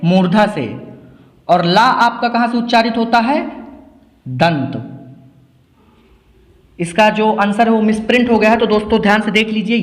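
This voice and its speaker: Guy teacher with a really high voice drilling exam answers, repeats stuff, big echoey room. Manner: drills answers by repetition, asks questions then answers them. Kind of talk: quiz-style grammar lesson. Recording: echoey room with long reverb.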